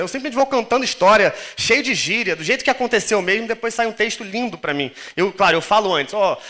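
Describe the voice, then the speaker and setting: A man's voice: sits high, pushed and bright. A man with a Brazilian Portuguese accent giving a casual, joking live conference talk on stage and using lots of slang. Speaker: lecturer. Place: lecture stage with audience.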